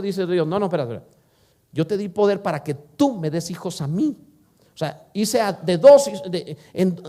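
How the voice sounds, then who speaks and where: High-voiced man preaching a sermon. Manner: preaching with emphatic rises and hushed drops. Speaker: pastor.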